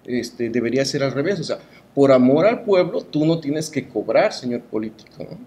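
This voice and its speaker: A man's voice: medium pitch, animated, normal speed, warm tone. A middle-aged man with a Mexican accent giving opinions in an interview as a cultural promoter, speaking emphatically and rhetorically with frequent tag questions.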